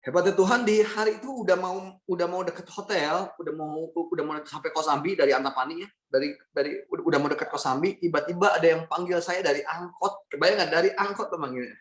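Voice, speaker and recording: A man's voice: fairly high pitch, fast talker, few pauses, fairly bright tone, reverberant. A young man giving a personal testimony talk, telling his story to an audience he calls his friends and acting out the dialogue. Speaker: motivational speaker.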